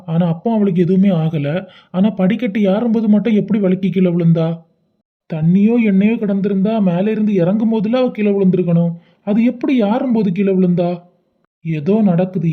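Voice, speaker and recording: A man voicing a young cartoon lover frantic with worry, pleading softly in a tearful Kanyakumari Tamil accent. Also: high-pitched. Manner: tearful, pleading, soft-spoken. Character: young man frantic with worry over his injured love. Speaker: cartoon character. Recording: dull lo-fi recording.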